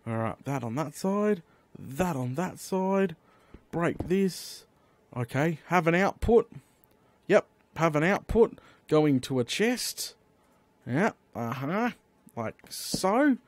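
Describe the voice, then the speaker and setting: A man giving chatty, excitable Let's Play commentary, talking to himself as he builds and bursting into eager exclamations. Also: on the high side, no echo. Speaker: gaming YouTuber.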